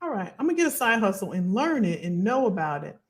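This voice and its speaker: An animated woman speaks in as she hosts a casual livestream as a financial coach. Her pitch swings widely, and her voice sits at a middle height for a woman. She talks colloquially and drives points home by repeating phrases. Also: quick pace. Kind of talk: casual livestream talk to viewers.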